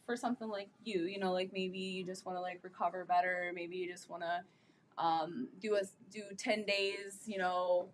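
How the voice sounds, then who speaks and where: A woman's voice: lowish voice, fairly even intonation, normal speed, slight background noise. A woman in her thirties who is a guest on a podcast, chatting casually and using many fillers like "like" and "you know". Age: 30s.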